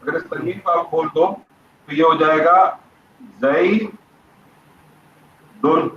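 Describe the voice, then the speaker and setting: A man's voice: on the high side, a bit bright, a little hiss or hum. A man teaching Arabic grammar in an online class, patiently questioning students by name. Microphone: video call. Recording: muffled echoey online call audio.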